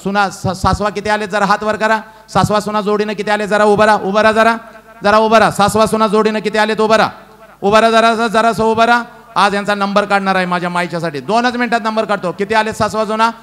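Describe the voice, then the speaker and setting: A middle-aged man, a motivational speaker addressing a women's gathering. He teases and bosses the crowd with humor, swinging between loud calls and hushed, earnest pleas. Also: high voice. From western Maharashtra. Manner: teasing, humorous, bossy with the audience.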